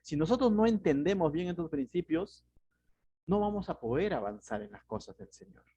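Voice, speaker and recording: A man's voice: on the high side, lively intonation, moderate pace, mellow, muffled recording, slight background noise. A man with a Peruvian Spanish accent, a pastor giving verse-by-verse Bible teaching in a conversational way, often asking rhetorical questions.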